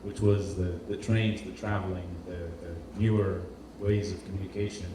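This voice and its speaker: A deep-voiced Portuguese designer gives an informal presentation with a flat delivery at normal speed. He speaks hesitantly, repeating words while searching for phrasing. The recording, from an echo-filled indoor event space, is roomy, distant and noisy.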